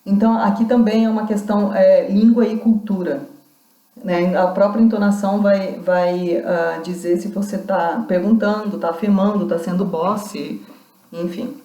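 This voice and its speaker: A woman's voice: mid-range voice, steady tone, moderate pace, warm tone, reverberant. A woman university lecturer giving a recorded class, explaining points step by step with frequent restarts. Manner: explanatory, reads out quoted accounts, many restarts.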